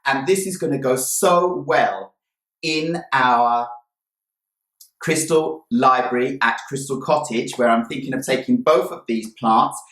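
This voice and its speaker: A man hosts a casual vlog with nonstop cheer. He gushes, leaning hard on his words of admiration and drawing them out. His mid-pitched voice rings in a roomy, echoey space. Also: a bit bright. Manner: relentlessly cheerful, gushing with drawn-out emphasis on praise words. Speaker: plant vlog host. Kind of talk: casual presentation to viewers, showing plants. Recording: roomy, echoey indoor sound.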